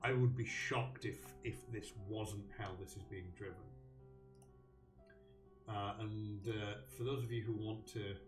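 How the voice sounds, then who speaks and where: A man's voice: fairly low pitch, steady tone, measured pace, echoey room, recorded from a distance, over music. A man hosting a live stream, thinking aloud about a game with many ums and restarts. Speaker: host.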